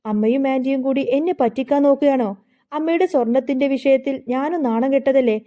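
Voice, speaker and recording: A suspicious, hotheaded young man, agitated and defensive, as a woman storyteller reads him. The voice sits high and mellow, not far from a plain storybook reading. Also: brisk, close to an everyday voice.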